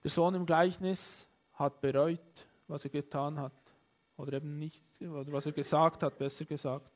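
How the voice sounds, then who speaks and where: A man preaching a sermon in a calm, plain way, retelling a story with small pauses and fillers. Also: fairly high pitch. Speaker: pastor.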